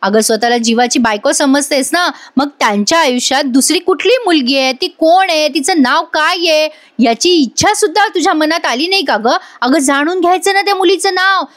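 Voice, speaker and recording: A sharp-tongued younger sister talks back with defiant, needling questions, voiced by a woman recapping a serial. Her voice is high and pointed. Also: normal speed, hardly any pauses. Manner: defiant, argumentative.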